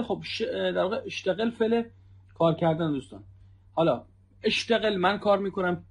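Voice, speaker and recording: A man's voice: high voice, gravelly, husky. A man teaching spoken Arabic in an online lesson, who repeats phrases and keeps addressing the viewers as friends. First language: Persian.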